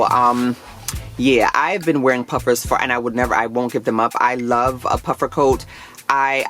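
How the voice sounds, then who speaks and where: A woman in her thirties, a fashion vlogger chatting casually and gushing as she talks. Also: very deep voice. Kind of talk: casual chat.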